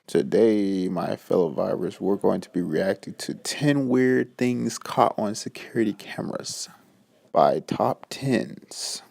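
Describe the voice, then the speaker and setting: A man with a groggy morning voice hosts a laid-back, slangy reaction to videos. His voice is low and gravelly. It sits dry and close to the mic. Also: unhurried, hardly any pauses, dark tone, no echo. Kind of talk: casual reaction commentary.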